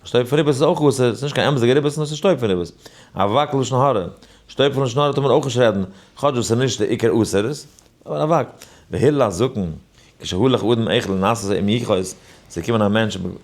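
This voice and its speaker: A rabbi teaching a daily Torah class gives an informal lesson, weaving in a personal story. He's animated, swinging between quiet asides and emphatic points, speaking fast in a voice on the low side.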